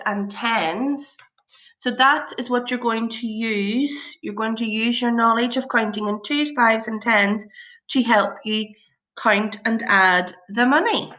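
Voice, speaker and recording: A woman with a bright voice teaches young children in the manner of a kids show host. She takes her time, encouraging and praising as she puts questions to them. The recording is a little dull and lo-fi. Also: on the high side. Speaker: primary school maths teacher.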